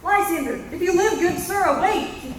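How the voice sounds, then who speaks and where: A woman's voice: very high-pitched, expressive, moderate pace, a little hiss or hum. A young woman playing a lovelorn young Athenian woman in a school stage play, pleading and plaintive. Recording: echoey hall from far off.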